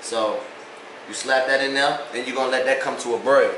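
A little fast and steady in tone, his mid-range voice carries a Louisiana accent as this young man cooks and teases on his home cooking vlog, relaxed and joking throughout. Echo and background noise fill the kitchen, captured by a phone camera placed on the counter.

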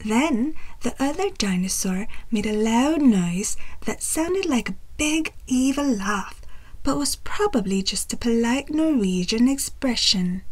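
Female storyteller for picture books: unhurried, very animated, wry, deliberately emphatic. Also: a little high, no room sound. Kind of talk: picture-book read-aloud narration.

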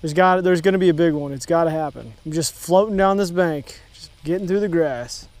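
A young man from Texas in a kayak on an open lake, talking excitedly to viewers as he fishes, recorded on a head-mounted action camera. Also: on the high side, brisk, background noise. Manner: excitable, talks to viewers while fishing. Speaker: fishing vlogger. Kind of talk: casual first-person fishing commentary.

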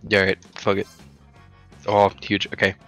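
A man with a low, creaky voice and a forceful edge plays a party game with friends. He reads the on-screen text aloud in a jokey, hammy way, with music behind him. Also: completely flat delivery, normal speed. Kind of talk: casual group let's play, reading dialogue aloud.

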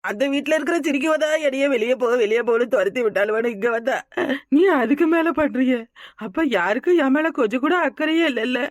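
A woman doing a fast-talking, wronged young village wife. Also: high-pitched, no room sound, clean studio sound, natural voice. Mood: tearful. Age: young adult. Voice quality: rapid, complaining talk. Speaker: cartoon character. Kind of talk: cartoon voice acting.

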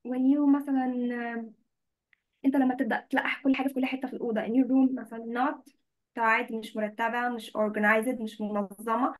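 An Egyptian woman with a high, bright-sounding voice teaches English words to children over a video call. She switches between Arabic and English and keeps asking if everyone follows. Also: little pitch movement, fairly quick. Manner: mixes Arabic and English, checks in often with students. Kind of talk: online class explaining vocabulary.

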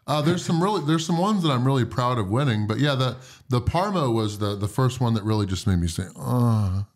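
A man's voice: mid-range voice, animated, fast. A man chatting casually as a podcast guest, easygoing and jokey, laughing often. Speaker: guest, competitive eater. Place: podcast studio.

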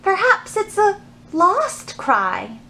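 With an extremely high pitch and a very slow pace, a woman in her thirties leads storytime at a library, animatedly addressing the children. Slight background noise can be heard.

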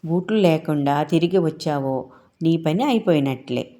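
Woman narrator as a demanding swan, commanding, low voice. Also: expressive, moderate pace, dark tone. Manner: bossy, making threats.

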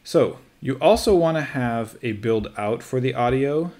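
A man who is a teacher, calmly talking through a screen-recorded software tutorial step by step, with light joking asides. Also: medium pitch, unhurried.

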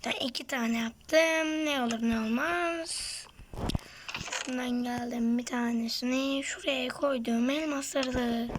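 A woman's voice: high-pitched, a little slow, background noise. A woman giving casual gameplay commentary, muttering to herself and often dropping to a whisper. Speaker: gaming streamer.

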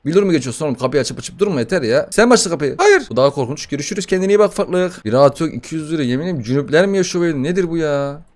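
Excitable, swearing young male gamer. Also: fairly high pitch, racing, hardly any pauses. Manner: excitable, swearing, banter with the game. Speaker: gaming YouTuber. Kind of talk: gaming commentary.

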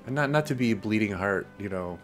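A man's voice: lowish voice, lively intonation, fast, soft background music. A man hosting a let's play, chatting casually and self-deprecatingly and talking back to the characters on screen. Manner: rambling and self-deprecating, talks to the game characters. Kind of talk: casual gameplay commentary.

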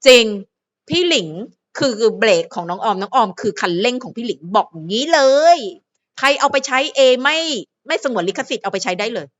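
A woman's voice: fairly high pitch, lively intonation, a little fast, highs cut off. A woman hosting her own fan channel, chatting playfully to viewers and to herself in a casual solo vlog.

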